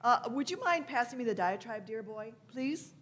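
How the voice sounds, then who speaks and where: A woman's voice: a little high, lively intonation, normal speed, a bit bright. A woman playing an imperious, eccentric elderly time-traveller in a radio play, fussy and theatrical, repeating her phrases. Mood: fussy, musing. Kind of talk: live staged radio play.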